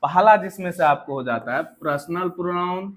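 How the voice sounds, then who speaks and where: A man with a fairly high voice teaches grammar in an online class. He explains at a steady pace and keeps checking in with his students. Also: moderate pace.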